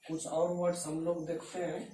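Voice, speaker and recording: A man with a fairly high, mellow voice delivers an English grammar lesson at a board in a completely flat tone at a moderate pace. This tutor explains patiently, repeating himself and asking students rhetorical questions, heard from a distance in an echoey room with a little hiss or hum.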